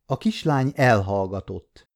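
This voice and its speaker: A man in his fifties reading a novel aloud as an audiobook narrator, calm and measured. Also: fairly low pitch. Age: 50s. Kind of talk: scripted narration.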